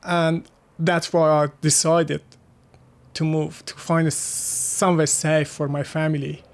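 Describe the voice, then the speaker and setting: A man from Afghanistan, a guest in a casual interview, speaking halting second-language English with restarts and soft laughs. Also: a little high, flat delivery, creaky.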